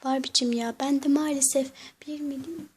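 A woman doing a soft, weepy young doll groom, voiced lower than her own high tone. He grumbles and whines through his lines. It is home-made doll play. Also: steady tone, moderate pace, close to an everyday voice. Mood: grumbling.

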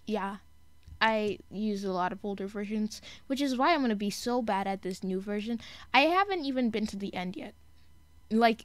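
A woman's voice: a little high, no room sound. A young woman giving casual, rambling commentary while playing a video game, chatty and giggly, often correcting herself mid-sentence. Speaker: gaming YouTuber.

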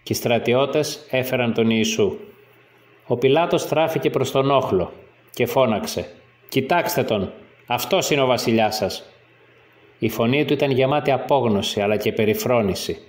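A man narrating a story in the first person, in a steady, measured reading. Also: mid-range voice.

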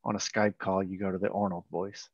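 A man co-hosting a casual webinar over a video call, halting and repeating words as he explains. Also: low-pitched, little pitch movement, no room sound. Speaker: company founder and co-host. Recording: muffled video call audio.

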